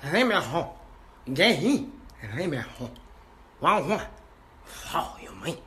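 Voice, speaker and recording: A man's voice: fairly high pitch, big pitch swings, slow pace, bright, forceful tone, breathy edge. A man trading roast insults in a mocking, trash-talking way.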